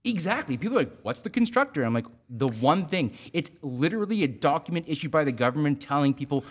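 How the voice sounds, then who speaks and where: A man's voice: fairly high pitch, very animated, fast talker, husky. A Canadian man, a general contractor, ranting in a casual podcast chat and swearing freely. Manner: swears a lot, heated ranting.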